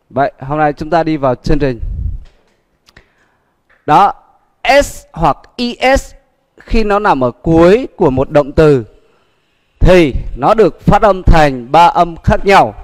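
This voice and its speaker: A man with a Vietnamese accent teaching English pronunciation in a livestream lesson, drilling words slowly and repeating them with many fillers. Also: on the high side, big-room sound.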